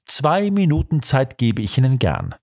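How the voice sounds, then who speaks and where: A man voicing an excitable, blustering male police inspector who grumbles and flares up quickly. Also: medium pitch, full character voice. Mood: eager. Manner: gruff, quick to anger.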